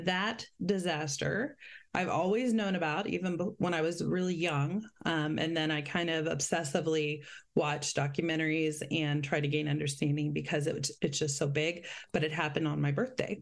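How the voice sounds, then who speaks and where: Woman, 40s, podcast guest, easygoing chat, somewhat low voice. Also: steady tone, moderate pace, vocal fry. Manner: friendly, easygoing, some hesitations.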